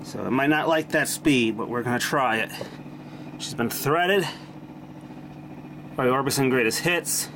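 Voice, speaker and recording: Working hands-on on a vintage machine, a hobbyist fixer talks casually and bluntly, with a salty edge. He's at medium pitch, a little slow, and leaves long pauses. The clip has noisy amateur camera audio and a mechanical hum.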